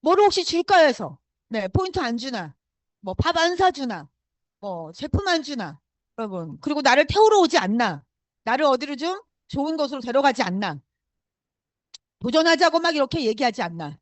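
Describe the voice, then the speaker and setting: A woman's voice: sits high, big pitch swings, moderate pace, no room sound. A woman giving a motivational talk, urging the audience with rhetorical questions and repeated affirming fillers. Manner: emphatic and urging. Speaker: motivational speaker.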